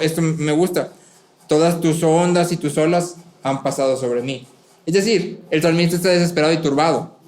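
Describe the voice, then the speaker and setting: A man's voice: fairly high pitch, darkish tone, echoey room. A man preaching a sermon, earnest, repeating key words for emphasis.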